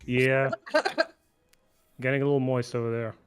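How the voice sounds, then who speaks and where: A man with a Russian accent in a casual gaming chat, relaxed and full of questions. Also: medium pitch, takes it slowly, smooth, soft background music. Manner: relaxed, asks lots of questions.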